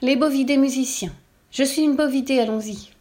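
A woman voicing Sophie, a young female cow who loves to sing, eager and quick to take offence. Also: high voice, pitched above the performer's own voice, natural voice. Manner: bright, determined, quick to indignation.

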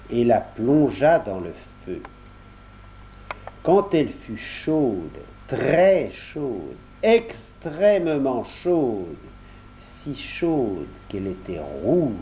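Slow, lively male storyteller. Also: medium pitch, a little hiss or hum. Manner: addresses the young listener directly, explaining as he goes. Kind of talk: children's story reading.

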